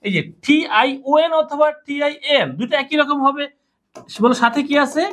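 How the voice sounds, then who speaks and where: A woman's voice: sits high, normal speed, fairly bright tone, a little hiss or hum. A woman teaching pronunciation in class, drilling her students with repeated questions and call-and-response. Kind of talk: classroom lesson.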